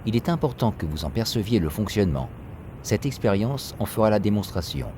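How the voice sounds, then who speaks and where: A man reading a scripted guided meditation, giving calm, measured instructions. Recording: steady rumbling noise behind voice. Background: ocean wave sounds.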